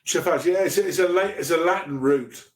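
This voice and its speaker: A man whose first language is English guests on a podcast over a video call, chatting casually and rambling with many restarts. His voice is on the high side and he talks fast. The room is echoey.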